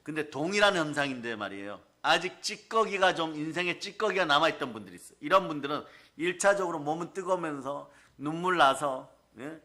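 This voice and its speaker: A male pastor delivers a sermon in a bright, forceful, fairly high voice. He drives his points home emphatically, constantly calling out to his listeners and acting out little scenes as he goes. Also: expressive, fairly quick, few pauses. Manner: emphatic, calls out to the congregation; storytelling with acted asides.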